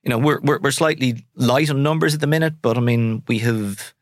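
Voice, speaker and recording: A man's voice: medium pitch, fairly quick, no echo. Candid west of Ireland man, close dry sound. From Sligo, west of Ireland. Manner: candid, colloquial. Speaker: solicitor, interview guest. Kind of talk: conversational interview answers.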